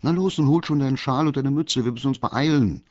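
A man's voice: fairly low pitch, big pitch swings, moderate pace, slightly rough, dry recording, muffled recording, pitched above the performer's own voice, heavily acted. A man voicing a small, eager male teddy bear who always knows a way out. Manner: eager, confident, upbeat.

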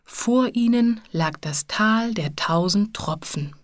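A woman calmly and gently reading a children's story aloud. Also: medium pitch, slow, dry recording, clean studio sound.

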